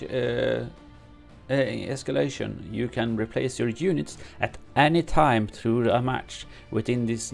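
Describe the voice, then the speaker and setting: Working from his home streaming room, a gaming streamer reads patch notes for a game and weighs in on them. He's a non-native English speaker whose medium-pitched voice is gravelly and a little mellow, and his speech is halting, crowded with fillers and restarts.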